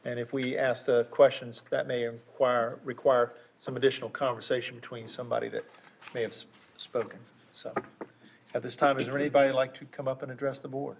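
A man's voice: mid-range voice, flat delivery, fairly quick, vocal fry, slight background noise. An older man chairing a public board meeting from the dais, courteous and procedural, with frequent fillers. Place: council chamber dais. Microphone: desk microphone.

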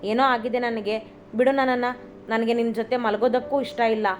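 A woman's voice: a little high, fairly even intonation, normal speed, slight background noise, close to an everyday voice. A woman voicing a young husband who fakes anger to tease his wife, then turns affectionate. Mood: mock-stern. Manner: mock-stern then affectionate teasing. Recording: slightly dull recording, faint music.

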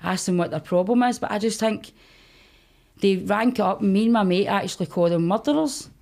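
A woman's voice: medium pitch, a little fast, gravelly, darkish tone. Candid woman with a broad Scottish accent. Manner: candid, sweary, colloquial storytelling. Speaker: guest, comedy performer. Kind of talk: casual podcast chat.

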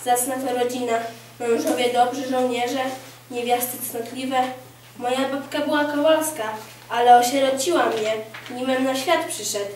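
A woman reading a historical novel aloud at a library contest, steady in the narration and brisk and louder in the dialogue. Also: sits high, a little hiss or hum. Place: library room. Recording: very echoey room, mic far off.

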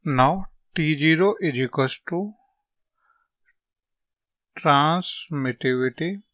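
A man with a North Indian accent teaching as a physics tutor, working through solutions step by step in short, halting phrases as he dictates. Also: a little high, fairly bright tone, no room sound. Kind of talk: step-by-step lesson, reading out worked solutions.

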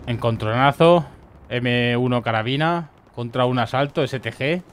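A young man with a Murcian Spanish accent, giving playful mock-documentary commentary over game footage and jumping into excited yelps. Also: mid-range voice, unhurried, slight background noise. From Murcia, Spain. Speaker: gaming streamer. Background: faint game gunfire and explosions.

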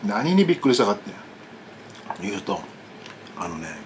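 A man's voice: fairly low pitch, very animated, normal speed, a little hiss or hum. A man vlogging about food, chatting casually while eating and telling a rambling story with many asides.

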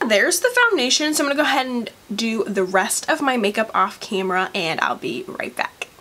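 Casting: woman beauty vlogger, chatty, a little high, slight morning roughness. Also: animated, a little fast, pushed and bright. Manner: chatty, with frequent likes and ums. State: morning voice, coughing. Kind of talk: casual makeup review vlog. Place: at home, later by a window.

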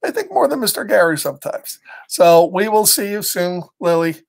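A middle-aged American man with a voice that sits high and carries vocal fry hosts a children's story time at normal speed. He reads a picture book aloud, animated and exaggerated, adding chatty asides from a small home office.

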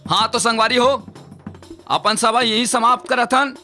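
A man plays a pushy village candidate rallying the villagers, with a Chhattisgarhi accent. His voice sits high. Drums and music play behind him. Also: fairly even intonation, a little slow. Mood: rousing. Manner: speechifying to villagers. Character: pushy male village candidate giving speeches. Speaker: rival sarpanch candidate. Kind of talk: village comedy drama acting, campaign speech.

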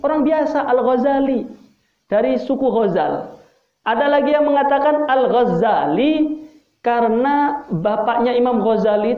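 Man preaching, says things twice for emphasis, echoey tinny recording. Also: high-pitched. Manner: emphatic, repeats key phrases, addresses listeners directly. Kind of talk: religious sermon.

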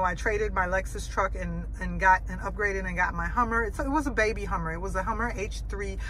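A woman's voice: medium pitch, bright, forceful tone, a little hiss or hum. A woman with a Midwestern American accent, chatting casually to viewers as a vlogger from inside her car. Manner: chatty, repeats "you guys". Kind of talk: casual vlog talk to camera.

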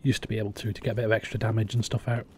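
A man's voice: lowish voice, level tone, rapid-fire, slight background noise. A young man chatting casually while playing a game on a live stream, muttering to himself as he goes.

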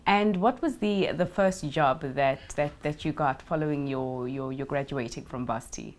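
A woman's voice: low voice, normal speed. A woman in her thirties hosting a television business interview, asking upbeat, probing questions in an office. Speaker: TV business show host. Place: office with window blinds. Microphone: lapel mic.

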